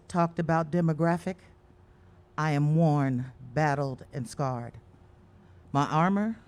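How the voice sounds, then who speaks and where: Brief: woman poet, unhurried and rhythmic, chanting refrains, performing outdoors at a street memorial. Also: deep voice, darkish tone. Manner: slow, measured, rhythmic delivery with chanted refrains. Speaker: spoken word poet. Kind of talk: spoken word poetry performance.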